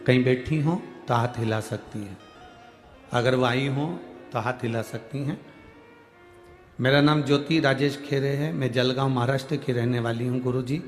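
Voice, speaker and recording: एक भावुक पुरुष कथावाचक, भीड़ भरी सभा में माइक पर प्रवचन देते हुए, पीछे हल्का भक्ति संगीत. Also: male voice, mid-range voice. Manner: emotive, swells loud on key words, addresses the crowd directly. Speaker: kathavachak preacher. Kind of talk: devotional sermon, reading a letter aloud. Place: large crowded outdoor religious gathering.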